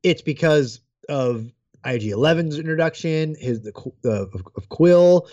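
A man's voice: a little high, animated, moderate pace, darkish tone, no room sound. Man co-host with dull dry sound. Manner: organizing, talks through while chewing gummies. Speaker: podcast co-host. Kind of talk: casual chat.

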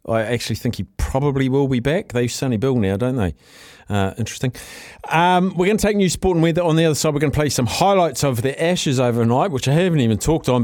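A man's voice: mid-range voice, darkish tone, no echo. A man hosting a radio show with casual, chatty talk in a studio. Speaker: radio host.

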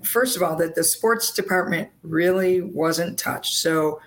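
A woman sports reporter, hoarse with laryngitis, talking casually and earnestly on a podcast in a halting way. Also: on the low side.

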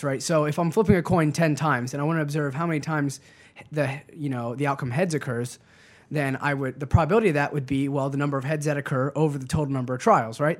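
A man with a high voice talks as a podcast guest. He tells stories in an animated way and cracks quick jokes. He laughs a lot. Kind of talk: casual panel chat.

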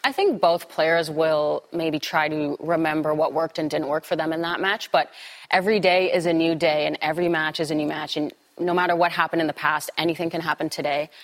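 A North American woman speaks as a sports analyst in a studio discussion. Her voice is a little lower than usual and her style is conversational. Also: level tone, a little fast. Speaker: tennis analyst.

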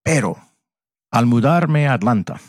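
Speaking at medium pitch, expressive and unhurried, a middle-aged Mississippian with an American English accent chats casually as a podcast guest. He's reflective, groping for words in his second language. The recording is dry and studio quality.

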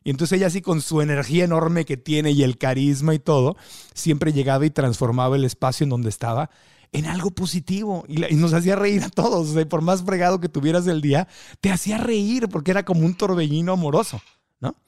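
A man hosting a podcast conversation, telling lively anecdotes and imitating people he quotes. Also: on the high side, a little fast, dry recording, studio quality. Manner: lively storyteller, mimics voices in anecdotes. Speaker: podcast host.

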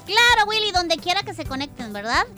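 Bright-voiced woman hosting a children's show. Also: very high-pitched, brisk, soft background music. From El Salvador. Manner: warm, lively, speaks directly to children. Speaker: children's radio show co-host.

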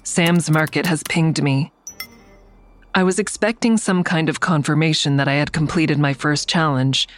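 Faint music plays beneath a woman's deep, steady voice at a moderate pace, lightly acted. She plays a guarded, defiant woman in a first-person audio drama, both narrating and speaking dialogue in a terse, dry, confiding way that feels tense.

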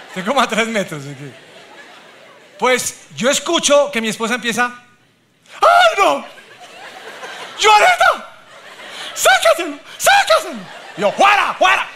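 A man's voice: very high voice, bright, forceful tone, slight background noise. A man pastor preaching a sermon, mixing humor with scripture.

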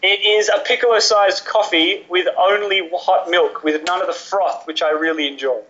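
Male podcast co-host, bright and animated, dull lo-fi audio. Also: high-pitched, moderate pace, a little hiss or hum. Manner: animated, pompous about coffee. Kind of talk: casual banter.

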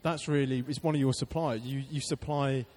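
Male co-host, mid pitch, playful banter, light background hiss. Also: fairly even intonation, moderate pace, darkish tone. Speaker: radio host. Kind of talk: casual radio chat.

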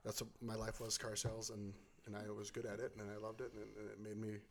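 A man's voice: fairly low pitch, monotone, fast, a little hiss or hum. A man of about forty chatting casually on a podcast. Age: 40s.

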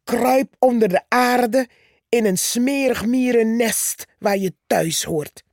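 A woman's voice: a little high, slow pace, darkish tone, dry recording, studio quality, pitched above the performer's own voice. A woman voicing a haughty, boastful male tree who talks down to others, in a storybook reading. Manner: condescending, scornful.

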